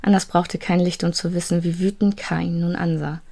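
A woman narrating a children's fantasy story in a steady, suspenseful storytelling manner. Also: on the low side, fairly quick, vocal fry.

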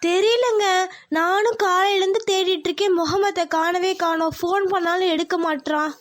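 A woman plays a worried cartoon mother with a very high voice. She questions her family anxiously. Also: steady tone, normal speed. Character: worried middle-aged mother of the groom.

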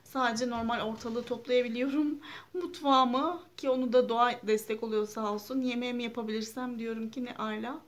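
A woman in her thirties talks to her viewers from her kitchen and living room, chatty and homely, with plenty of fillers. Her voice sits a little high. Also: steady tone, fairly quick. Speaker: vlogger. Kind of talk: casual home vlog narration.

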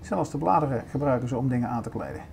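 An older man talks his viewers around a big indoor supermarket, chatty and easygoing as he points out the aisles. His voice is mellow and dark. Faint music plays in the background. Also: medium pitch, racing, creaky. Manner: chatty, showing things around as he walks. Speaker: vlogger. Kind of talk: casual shopping vlog narration.

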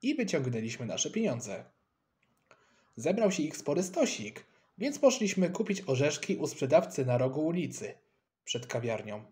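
A man reading a children's story aloud in a playful, expressive way. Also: on the high side, moderate pace. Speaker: audiobook narrator. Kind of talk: scripted storybook narration.

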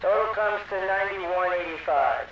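A man's voice: sits high, normal speed. An actor playing a male drive-through worker taking orders through an intercom speaker, speaking in clipped, routine service phrases. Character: male fast-food drive-through attendant, curt. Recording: muffled intercom with loud noise.

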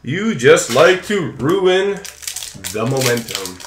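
A young adult host of a card-opening channel chats playfully with viewers and his pet while giving running commentary on the trading cards he opens. His voice is on the high side and sing-song, and he takes his time. Background noise is audible, and the small home room echoes.

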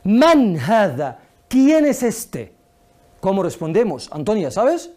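A woman teaching a lesson to a student, patient and slow, repeating words and asking questions. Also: medium pitch, very animated, a little mellow. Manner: patient, drills words slowly and asks questions. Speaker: Arabic teacher. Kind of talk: one-on-one language lesson.

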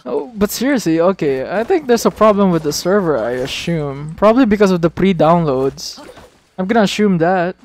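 A man streaming a game, chatting casually and excitably, swearing freely as he talks to his viewers. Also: high-pitched, normal speed, a little hiss or hum. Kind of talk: casual live-stream chat.

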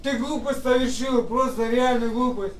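A man's voice: very high-pitched, steady tone, moderate pace, a little hiss or hum. A drunk, agitated man in custody, talking in a slurred, swearing way. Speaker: detained man. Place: indoor metro service room. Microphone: camera held by a bystander across the room. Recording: echoey room from far off.

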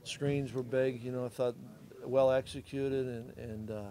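Flat-voiced middle-aged coach. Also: male voice, mid-range voice, unhurried, a little hiss or hum. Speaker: head football coach. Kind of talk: postgame press conference answers.

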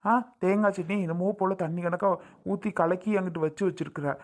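A performer playing a fussy husband who scolds his wife, nagging and shouting questions. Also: on the low side, steady tone, brisk, lightly acted. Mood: scolding. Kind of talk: comedy skit acting.

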